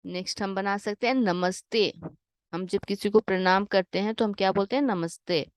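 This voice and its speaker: A woman's voice: medium pitch, normal speed, no room sound, clean studio sound. A woman teaching a children's Hindi lesson over a worksheet, patiently asking questions and answering them herself, with English glosses mixed in. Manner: mixes English glosses into her explanations.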